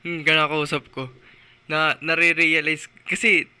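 Casual male co-host, high bright voice, chatty storyteller. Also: flat delivery, a little slow, clean tone. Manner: chatty storyteller, often laughing, many fillers. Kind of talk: casual chat.

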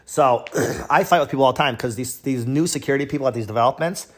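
Brief: man, truck driver vlogger, rambling casual rant, mid-pitch voice, acts out quotes. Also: quick pace. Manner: rambling, frequent "like" fillers, acts out quoted people.

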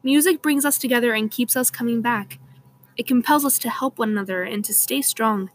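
A woman's voice: on the high side, a little fast, a little hiss or hum. A young woman hosting a scripted mock talk show in an upbeat, slightly stiff way. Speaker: host.

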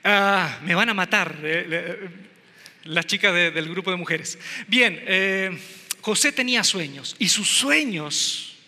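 Bright-voiced preacher in an echoey hall. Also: male voice, sits high, slow pace. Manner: humorous, conversational, addresses the congregation. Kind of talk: sermon.

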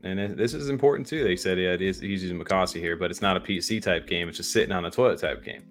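A man's voice: deep voice, fast talker, soft background music. A man co-hosting a livestream, chatting casually with lots of fillers and restarts. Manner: rambling, many fillers and restarts. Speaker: livestream co-host. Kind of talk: casual chat.

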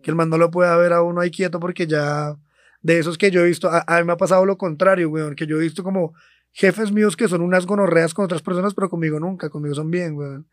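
Fast-talking Colombian man, swearing casually. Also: fairly high pitch, no room sound, studio quality. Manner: swears freely, slangy, rambling and animated. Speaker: podcast co-host. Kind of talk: casual storytelling chat.

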